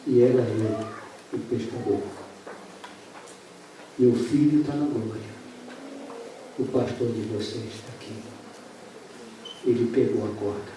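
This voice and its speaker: A man's voice: mid-range voice, fairly even intonation, slow pace, long pauses, noisy background, lightly acted. A man voicing an elderly male preacher who speaks earnestly to a church. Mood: solemn. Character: elderly male preacher, grieving but steady. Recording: very echoey church hall, mic far off.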